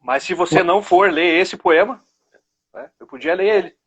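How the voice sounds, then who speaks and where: A man's voice: high-pitched, moderate pace, fairly bright tone, breathy edge. A man interviewing an author over a video call, friendly and often repeating words and restarting sentences. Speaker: interviewer at a book launch.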